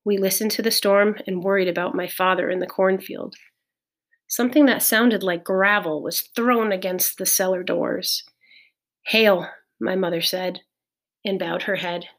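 A woman reading a children's novel aloud in a measured, clear storytelling voice. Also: mid-range voice. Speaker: audiobook reader. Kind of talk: scripted narration of a children's novel.

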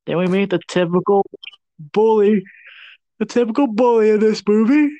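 Slangy, animated man recapping a movie. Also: high-pitched, moderate pace, no echo, muffled recording. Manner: slangy, animated storyteller who acts out characters. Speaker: podcast co-host.

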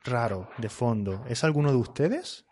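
A man teaching an online group language lesson, with a voice that sits at an ordinary middle pitch. He talks slowly and patiently, repeating and correcting his students' answers. The sound is plain video-call audio. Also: animated, a little mellow, slight background noise. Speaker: Spanish teacher.

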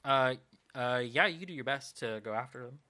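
A man running a tabletop role-playing game, narrating the scene in a loose, rambling way full of ums and uhs. His voice is bright and forward, in a middle pitch. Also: a little fast. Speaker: game master.

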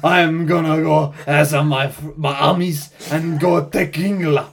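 A cocky, defiant duke, as a man plays him in his own voice comes across in a slightly high voice. He delivers playful, mock-serious defiance in a comedic history role-play. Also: steady tone, unhurried, creaky, slightly rough, full character voice. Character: cocky duke bent on seizing a crown.

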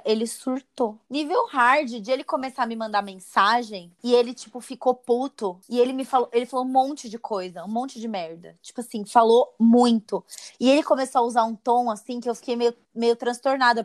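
A woman's voice: a little high, brisk. A young woman, a podcast host telling a dating story in casual, slangy chat. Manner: animated storytelling, slangy and profane.

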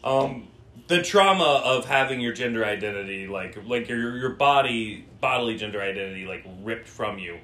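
Bright-voiced man, laid-back, echoey room. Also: mid-range voice, lively intonation, moderate pace. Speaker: podcast co-host. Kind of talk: casual movie commentary chat.

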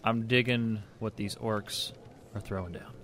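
A man's voice: fairly low pitch, steady tone, unhurried, fairly bright tone. A man co-hosting a podcast in casual, easygoing banter with light role-play. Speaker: podcast co-host. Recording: faint background ambient noise.

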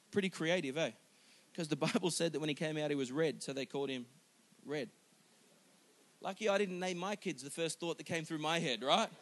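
A pastor in his forties preaches a sermon with animated, emphatic energy, joking with his congregation. His voice runs on the high side.

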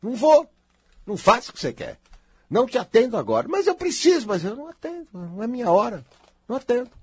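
A man with a raspy, fairly high voice gives a spiritual talk to his listeners. He is blunt and emphatic, and his pitch leaps and dives widely as he drives each point home. The sound is dry and close, with no room echo. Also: quick pace. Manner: blunt, emphatic and animated, often swelling to near-shouts.

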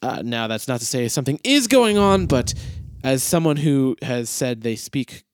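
Tabletop player, fussy and hesitant, very animated pitch, dry close mic. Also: male voice, normal speed, no echo. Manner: fussy, hesitant, with many fillers. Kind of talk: in-character tabletop play.

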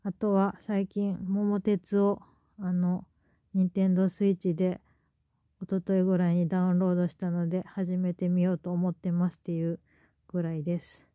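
A woman's voice: on the low side, monotone, normal speed, dry recording, phone-quality sound. A woman with a Kansai accent hosting her own podcast, retelling a story in a chatty, rambling way with many fillers. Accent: Kansai Japanese. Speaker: podcast host. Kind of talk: casual storytelling monologue.

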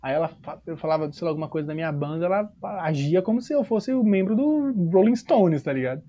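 A man with a São Paulo accent telling a personal story in casual chat, slangy and animated, acting out quoted dialogue. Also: on the high side, fast. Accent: São Paulo Portuguese. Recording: dull lo-fi recording.

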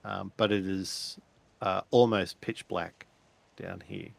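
A man narrates a tabletop game as game master, feeling his way through descriptions with pauses and fillers. His voice is lowish and gravelly. He talks slowly. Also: fairly even intonation. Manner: hesitant, descriptive, many fillers.

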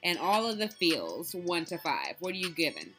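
A woman's voice: fairly low pitch, moderate pace, over music. A woman co-hosting a casual podcast, chatting loosely and laughing as she recaps and reviews a movie. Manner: animated, laughing, loose storytelling. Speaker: podcast co-host.

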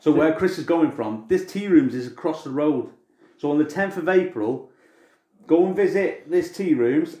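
A man's voice: mid-range voice, dark tone, roomy sound. An English man co-hosting a podcast in casual, informal chat, swearing now and then. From England. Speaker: podcast co-host.

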